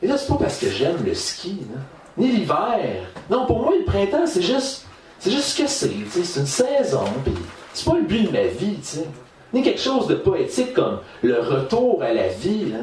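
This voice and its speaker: A Québécois man works through a rambling stand-up routine, his voice pitched high and leaping around in lively swings. He stammers, repeats himself and laughs at his own jokes. The sound comes from a distance in a roomy café. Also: moderate pace, a little hiss or hum. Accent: Québécois French. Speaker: stand-up comedian. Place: small café stage before a live audience. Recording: roomy live café recording from off-mic.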